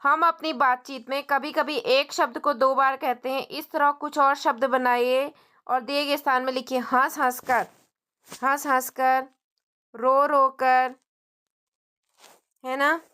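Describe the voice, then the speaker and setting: Woman teacher, high voice, simple words and bits, keeps asking the kids stuff. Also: level tone, slow, sharp tone, clear, resonant tone. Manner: explains in simple Hindi mixed with English words; friendly, asks the children questions as she goes. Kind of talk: textbook lesson for young children.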